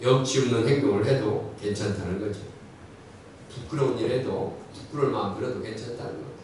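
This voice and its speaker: A man preaching a sermon in a church, animated, acting out quoted voices as he speaks. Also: lowish voice, fairly quick, slight background noise. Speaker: pastor. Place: church sanctuary. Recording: echoey church hall, mic far off.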